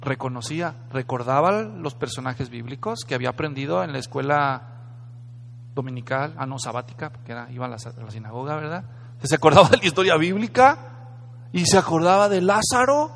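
Bright, high-voiced preacher in a hall. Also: male voice, animated, fairly quick, vocal fry, slight background noise. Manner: dramatic, conversational, asks the congregation questions. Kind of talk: sermon. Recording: echoey hall.

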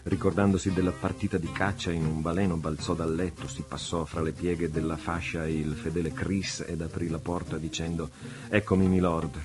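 A man narrating a classic adventure novel in a measured, dramatic reading. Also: low voice, level tone, over music. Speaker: audiobook reader. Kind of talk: literary audiobook narration.

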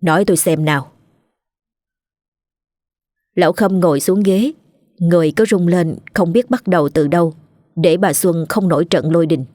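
A woman narrating a ghost story in a steady, measured reading voice. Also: on the low side, no room sound, clean studio sound. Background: soft background music.

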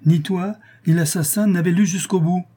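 A man reading aloud, voicing a calm, ironic man who corners a murderer with cool, relentless mockery. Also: sits high, moderate pace, husky, voice pushed up. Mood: coolly mocking.

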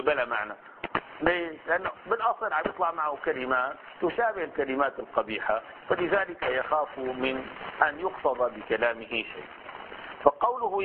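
Man, lesson, patient explainer, slightly high voice, tinny lo-fi band, faint hiss. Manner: explains patiently, asks and answers his own questions; slips into colloquial Levantine Arabic asides. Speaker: Islamic scholar teaching inheritance law. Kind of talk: recorded study-circle lesson.

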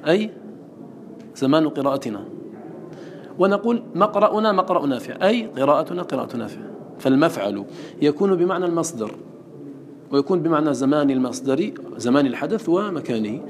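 A man's voice: on the high side, a little hiss or hum. A man teaching a class on Quran recitation. He explains terms, quotes verses and checks understanding with questions. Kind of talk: classroom lesson.

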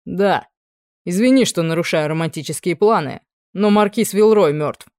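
A reader voicing a brash guard captain who barges in loud, blunt and sneering. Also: medium pitch, moderate pace, no room sound, clean studio sound, lightly acted.

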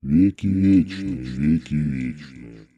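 A man voicing an ancient dead male monk in a storybook reading, slow and trembling, with a cavernous echo on the voice. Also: rumbling low, warm tone, dull audio, soft background music, voice pushed down, full character voice. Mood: mournful. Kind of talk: storybook narration.

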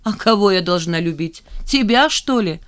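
A woman reading an audiobook, voicing a proud, sharp-tongued young woman. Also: medium pitch, animated, normal speed, clear, resonant tone, no room sound, studio quality, voice pushed up, close to an everyday voice. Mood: bitter, haughty. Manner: haughty, cutting retorts.

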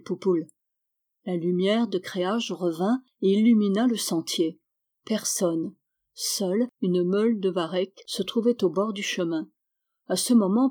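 A woman reading a literary novel aloud as an audiobook, calm and measured, voicing the dialogue softly. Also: medium pitch. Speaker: audiobook reader.

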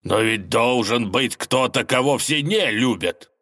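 A man doing Gorynych, soft-voiced three-headed dragon. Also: medium pitch, lively intonation, pitched above the performer's own voice. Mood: explaining. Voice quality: soft, mild voice. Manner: slow, drawn-out, grumbling. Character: three-headed dragon villain, huge, grumbling but soft-hearted. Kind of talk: storybook character voice.

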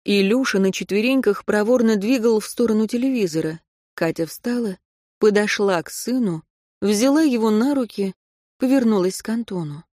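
A woman's voice: medium pitch, normal speed, dark tone, dry recording. Woman narrating an audiobook, dry sound.

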